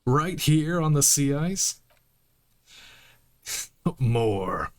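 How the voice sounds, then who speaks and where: A man's voice: a little high, very animated, drawn-out words. A man streaming a game playthrough, reading the dialogue aloud in a playful, laughing, mock-indignant way.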